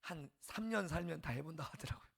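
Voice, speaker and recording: Bright-voiced, gravelly male pastor preaching. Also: a little high, lively intonation, quick pace. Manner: impassioned preaching, swinging from loud exclamations to hushed near-whispers. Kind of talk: early-morning revival sermon.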